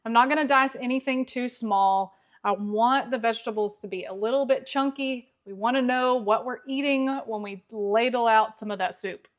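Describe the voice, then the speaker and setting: A woman's voice: a little high, normal speed, hardly any pauses, muffled recording. A woman hosting a home cooking video, explaining each step in a friendly, conversational way from her kitchen. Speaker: cooking channel host. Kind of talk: casual cooking demonstration.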